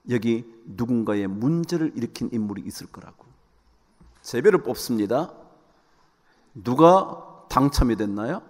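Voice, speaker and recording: A male pastor preaching a sermon with animated delivery, often turning to address the congregation directly. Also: mid-range voice. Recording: hall reverb.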